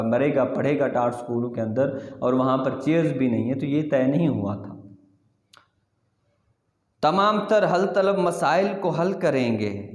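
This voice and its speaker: A man declaims verses at an unhurried pace, pausing to explain each line and answer his own rhetorical questions. His voice rings out in an echoey room with a long reverb tail. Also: mid-range voice, a little mellow. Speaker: YouTube channel host. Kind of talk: reciting and explaining a patriotic poem.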